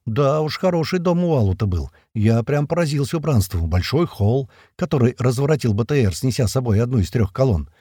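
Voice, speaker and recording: Man, audiobook narrator, husky warm voice, lively swinging pitch, tense action storytelling. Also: a little fast, hardly any pauses, no echo, studio quality. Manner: vivid, tense storytelling that voices the soldiers' shouts. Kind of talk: first-person action audiobook reading.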